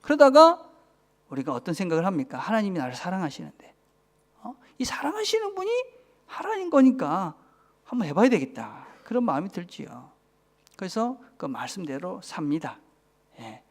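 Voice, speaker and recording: Man, pastor, Busan accent, sermon in church, very animated pitch, hushed asides. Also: normal speed. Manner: keeps asking the congregation for agreement, drops to a whisper for emphasis.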